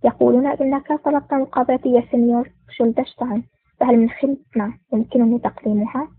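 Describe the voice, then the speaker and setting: Woman reading as a stern mafia boss, fast, tinny. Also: a little high, steady tone, breathy edge, no room sound. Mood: calm. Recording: tinny phone-like dry recording.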